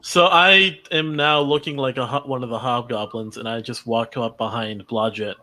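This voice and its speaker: A man's voice: mid-range voice, steady tone, moderate pace, sharp tone. A man chatting casually as a tabletop game player, thinking aloud with some hesitation.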